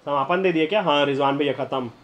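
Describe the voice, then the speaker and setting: A young man streaming a game live, chatting to viewers and breaking into excited shouts and laughter. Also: fairly high pitch, fast talker. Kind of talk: live gameplay commentary.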